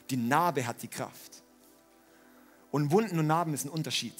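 A man preaching a sermon, animated, swinging between loud emphatic lines and quiet ones. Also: fairly high pitch, a little slow, slightly rough, soft background music. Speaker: pastor.

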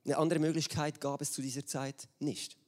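A man preaching a sermon, reading a Bible story aloud and telling it in a lively way. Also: on the high side, moderate pace. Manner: lively storytelling, acts out quoted voices. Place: church hall with screen.

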